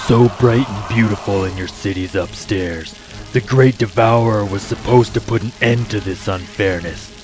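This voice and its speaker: A man's voice: fairly low pitch, a little mellow, close to an everyday voice, low-quality recording. A man voicing a bitter, grandiose villain from underground in a superhero drama, delivering resentful monologues. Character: bitter, grandiose male underground villain craving eternal night. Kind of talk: scripted superhero audio drama.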